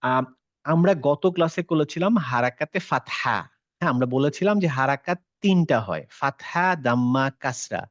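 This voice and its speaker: A man teaching an online tajweed class, explaining slowly, mixing in English words and modeling the sounds aloud. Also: mid-range voice, lively intonation, no echo, dull audio. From Bangladesh.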